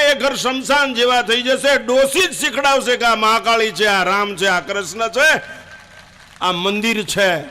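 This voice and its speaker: An older man preaching a fiery sermon, emphatic and at times shouting. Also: extremely high pitch.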